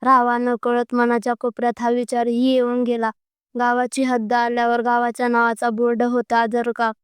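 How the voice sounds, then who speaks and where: A woman narrates a scripted love story in a smooth, clear voice pitched a little high. She keeps her tone strikingly level, even when she speaks the characters' lines. The recording is dry and close, with no room sound. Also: normal speed, no room sound. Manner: reads all characters in her own voice.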